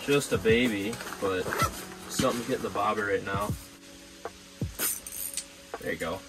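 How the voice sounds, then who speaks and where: A young man giving casual play-by-play while ice fishing, often murmuring quietly as he reels fish in, recorded inside an ice fishing shelter by a wide camera. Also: unhurried, over loud music, poor audio. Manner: laid-back, often murmured low while reeling in fish. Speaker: fishing vlogger.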